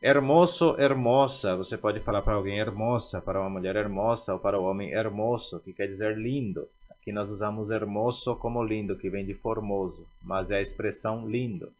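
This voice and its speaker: A man teaching a language lesson, repeating words slowly and carefully to drill their pronunciation. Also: lowish voice, fairly even intonation, a little mellow.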